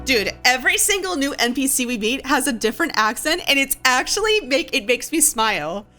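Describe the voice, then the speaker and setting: Giggly high-voiced woman streamer. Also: a little fast, faint music behind. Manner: giggly and excitable, gushing reactions. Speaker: gaming streamer. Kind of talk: casual game commentary.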